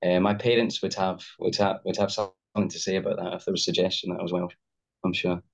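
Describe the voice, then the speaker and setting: A young Scottish man, an actor appearing as a guest on a video call, talks in a deep, flat, creaky voice at a fast clip. He hesitates a lot, full of fillers and restarts, in a casual interview. The video call audio is dull and lo-fi.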